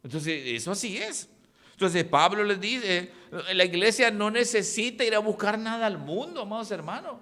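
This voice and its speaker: A male pastor preaching a sermon, animated, with sudden swings in his voice. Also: high-pitched, moderate pace. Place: church hall. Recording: echoey church hall.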